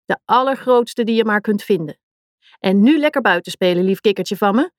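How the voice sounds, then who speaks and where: A woman's voice: mid-range voice, expressive, moderate pace, no echo, studio quality, lightly acted. A woman voicing a doting, easygoing king in a storybook reading, fond and coaxing. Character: doting, easygoing king, middle-aged man.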